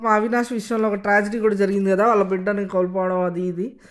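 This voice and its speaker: A reviewer giving a casual spoken recap of a TV episode, retelling it loosely and filling pauses with many small fillers. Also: mid-range voice, little pitch movement.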